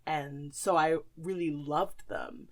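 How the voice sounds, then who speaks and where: A young woman co-hosts a podcast in casual conversation, speaking in a deep voice at a slow pace with a steady tone. She's emphatic and opinionated and swears casually.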